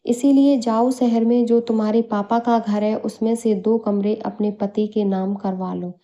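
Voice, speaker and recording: Woman doing a greedy storybook mother-in-law: demanding, lecturing, mellow. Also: on the high side, fairly even intonation, unhurried.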